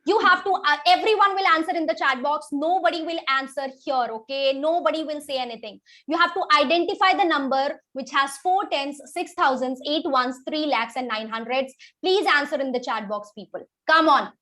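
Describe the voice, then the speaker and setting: Running a children's maths class online, a woman with an Indian accent keeps her pupils moving briskly and throws in Hindi interjections. The voice is high, pushed and bright.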